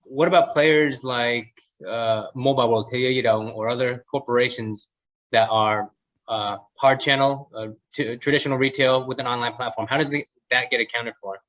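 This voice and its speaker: A man's voice: mid-range voice, fairly even intonation, normal speed, fairly bright tone, rough recording. A man moderating a webinar Q&A over a video call, politely thanking the speaker and reading out audience questions. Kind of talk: hosting a Q&A session.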